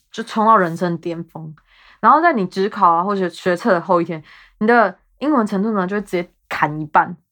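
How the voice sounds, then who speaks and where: A woman's voice: medium pitch, fairly bright tone. Chatty young Taiwanese-accented woman. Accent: Taiwanese Mandarin. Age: 20s. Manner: chatty and self-mocking, rambling asides. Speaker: podcast host. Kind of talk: casual solo chat.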